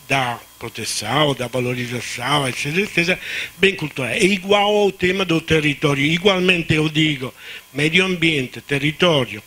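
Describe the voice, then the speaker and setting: Speaking off the cuff on a conference panel, an Italian-accented man, native to Italy, keeps restarting words and slipping into Spanish. His voice is on the high side and sharp in tone.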